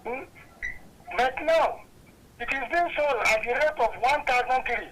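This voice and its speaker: A Nigerian man calling in to a talk show over a clipped phone line, talking earnestly and haltingly and often repeating himself. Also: very high voice, a bit bright. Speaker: caller. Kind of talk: call-in comment on a talk show.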